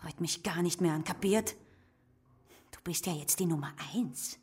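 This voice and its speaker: A woman's voice: lowish voice, moderate pace, a little mellow, slightly rough. An actress playing a bitter, hardened young unwed mother, curt and contemptuous. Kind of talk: radio drama acting.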